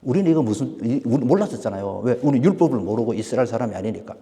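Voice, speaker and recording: A man preaching to his congregation, his voice swinging widely from loud peaks to hushed drops. The tone is mellow and dark, and the long reverb of a large church hall trails behind every phrase. He keeps asking his listeners questions as he preaches. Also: mid-range voice, animated, rapid-fire. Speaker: pastor. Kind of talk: sermon. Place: church sanctuary.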